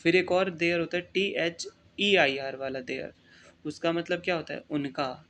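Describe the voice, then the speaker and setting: A young Indian man teaching an exam-prep lesson, reading English definitions slowly, then explaining them in Hindi. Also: fairly high pitch, steady tone, fairly bright tone, slight background noise.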